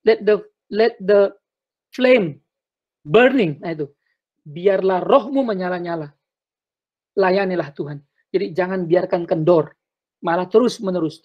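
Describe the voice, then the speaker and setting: A man giving earnest sermon-style answers on a video call, repeating words and slipping in English phrases. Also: sits high. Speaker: speaker answering questions. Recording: dull lo-fi video call audio.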